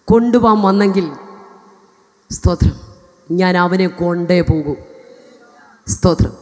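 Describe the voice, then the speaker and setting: A woman's voice: lowish voice, slow. Woman preacher, fervent sermon delivery, exclamations of praise, long reverb of a hall. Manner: fervent, punctuates with praise exclamations, rises to shouting.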